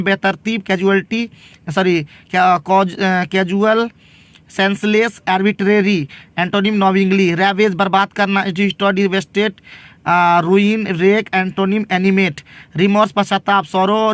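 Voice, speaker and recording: A man's voice: high-pitched, a bit bright, no echo. A man tutoring vocabulary, reading out words, meanings and antonyms in a terse, list-like way with small fillers. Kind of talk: reading out word lists.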